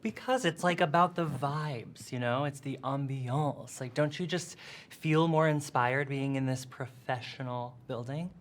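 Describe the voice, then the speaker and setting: Woman playing a trendy podcaster, gushing, airy, full of "like", very low voice. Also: measured pace. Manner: gushing, airy, valley-girl filler "like". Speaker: podcast co-host. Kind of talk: comedy sketch.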